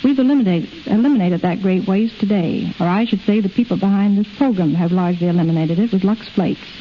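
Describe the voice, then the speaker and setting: Speaking fast in a mid-range voice, a middle-aged woman reads scripted answers as the film-editor guest of a 1930s radio interview. The audio is muffled and hissy, typical of the era.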